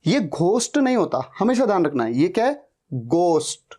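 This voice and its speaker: A man's voice: high voice, sing-song, fairly quick, a little mellow, slightly rough. A man teaching an English pronunciation lesson, patiently spelling out words and repeating them. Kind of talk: slow spoken-English lesson.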